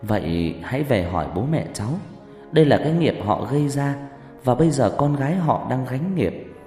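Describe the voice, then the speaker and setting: A man's voice: medium pitch, animated, normal speed, warm tone, lightly acted. A man voicing a stern old female shaman who speaks in a grave, admonishing way. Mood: grave warning. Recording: reverberant hall with background music.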